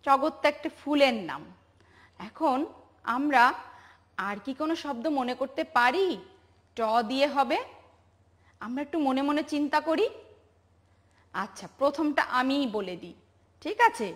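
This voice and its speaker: A woman with a high voice leads a preschool lesson for television at an unhurried pace. She talks in a patient, sing-song way, asking simple questions and praising the children. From Bangladesh. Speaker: preschool teacher.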